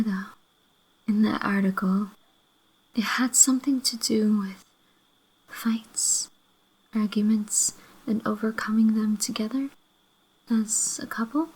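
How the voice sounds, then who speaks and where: A woman playing a loving, apologetic girlfriend in a breathy whispered role-play, gently making up after a fight. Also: a little high, fairly even intonation, slow, pauses often, low-quality recording. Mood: soft, reassuring. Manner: gentle, reconciliatory, making up tenderly.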